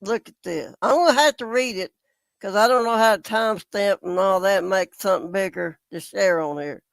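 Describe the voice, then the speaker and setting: Mid-range and creaky, at a moderate pace with no room sound, the voice belongs to a YouTube commentator who reads out comments and labels them ridiculous. He addresses viewers casually and indignantly, exasperated, calling them "folks" over and over.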